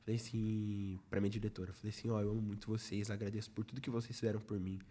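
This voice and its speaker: With a low, mellow voice that barely moves in pitch, this young Brazilian church youth ministry leader races through his testimony as a guest on a casual podcast. He narrates like a storyteller, acting out the quoted speech and saying "falei assim" again and again.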